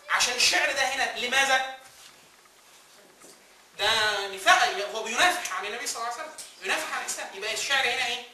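A man with an Egyptian Arabic accent delivers a classroom lecture in a very high, sharp voice, quizzing the class and answering his own questions. The recording is echoey and distant, with a little hiss or hum.

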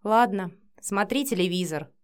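A woman's voice: medium pitch, expressive, moderate pace, clean tone, close to an everyday voice. A woman voicing a short-tempered adult father in an audiobook, speaking curtly and giving orders. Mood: stern. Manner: curt, commanding, flares into shouting. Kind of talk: audiobook character voice.

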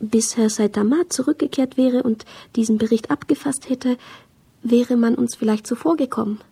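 A woman voicing a timid, ashamed male office worker in a radio play, pleading in a hushed voice. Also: on the high side, normal speed, vocal fry, husky, exaggerated voice. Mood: anxious.

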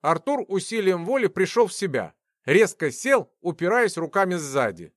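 A man reads a fantasy novel aloud with expressive, story-driven delivery. His voice sits fairly high and moves in a lively way through each sentence. The recording is close and completely dry. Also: normal speed, dry recording. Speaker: audiobook narrator. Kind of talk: scripted fantasy narration.

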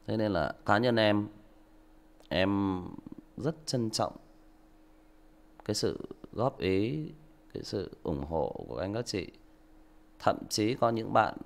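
Male livestream host, gravelly, indignant and lecturing. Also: lowish voice. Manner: lecturing, indignant, rhetorical questions. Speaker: audiobook narrator and livestream host. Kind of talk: livestream talk to listeners.

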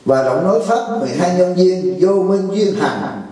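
A man's voice: sits high, expressive, normal speed, dark tone. A man giving a Buddhist dharma talk, folksy and joking, often asking his listeners questions. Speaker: Buddhist teacher. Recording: echoey hall, voice from far off.

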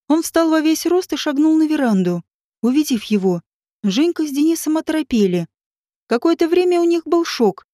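A woman narrating an audiobook in a steady, even storytelling manner. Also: high voice, no echo, clean studio sound. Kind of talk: scripted narration.

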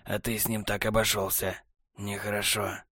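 A man voicing a cold, scornful male traitor, speaking low and hushed with open contempt. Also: little pitch movement, normal speed, no echo, studio quality. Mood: contemptuous. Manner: low, hushed, sneering delivery.

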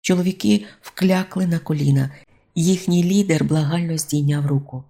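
An audiobook narrator with a mellow, dark tone and a middle pitch. The reading flows in an even, measured storytelling manner. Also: gravelly.

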